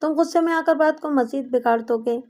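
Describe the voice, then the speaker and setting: A woman reading a protective elder man who questions the girl sternly and gives orders. the voice stays high and light, an audiobook reader's take on him rather than a deep male voice. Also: a little mellow, lightly acted. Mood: firm. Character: stern older brother figure, protective man.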